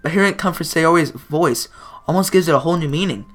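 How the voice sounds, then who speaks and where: A man's voice: fairly high pitch, quick pace. A man hosting a gaming video, reading a visual novel's text aloud and stumbling over words as he comments on it.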